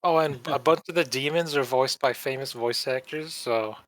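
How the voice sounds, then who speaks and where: A man's voice: mid-range voice, moderate pace, no room sound. Dry-voiced man in a rambling review. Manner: rambling, deadpan and dismissive. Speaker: podcast co-host. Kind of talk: casual anime review chat.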